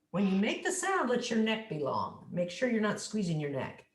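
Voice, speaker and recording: A woman's voice: medium pitch, reverberant, rough recording. A woman speech coach giving an instructive, demonstrative lesson on voice, speaking without a microphone.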